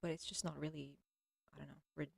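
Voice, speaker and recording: Fast and low-pitched with a level tone, a young woman streams from home, her cat nearby, drifting off topic and cutting herself off in a crude, blunt, rambling talk. She's slightly throaty and keeps clearing her throat, and her close mic gives a dry sound without echo.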